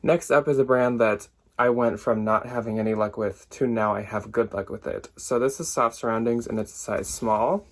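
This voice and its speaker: A man's voice: medium pitch, steady tone, normal speed, hardly any pauses. A young man chatting casually through a thrift haul for resale, filled with "like" and small asides, now and then a bit out of breath. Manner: chatty, lots of "like", loses track and laughs at himself. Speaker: thrift reseller vlogger. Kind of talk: casual haul talk to camera.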